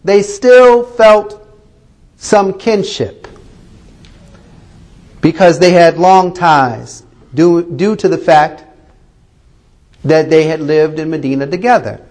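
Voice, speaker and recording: A man with a fairly high voice retells a story as a sermon to his congregation. His telling is animated and rises and falls with the drama. He adds reverent honorifics as he goes. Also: takes it slowly, long pauses. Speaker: preacher.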